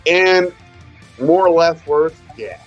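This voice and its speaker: A man's voice: a little high, slow pace, lo-fi sound, soft background music. A man co-hosting a podcast, telling a long story in crude casual chat, rambling, trailing off and restarting. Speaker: podcast co-host.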